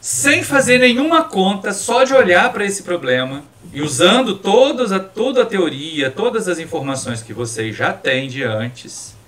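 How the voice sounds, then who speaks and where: A man's voice: sits high, unhurried, few pauses. A male chemical engineering professor with a Minas Gerais accent, lecturing live in a classroom and quizzing his students. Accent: Minas Gerais Portuguese. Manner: animated, quizzing students with questions. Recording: distant mic in a classroom.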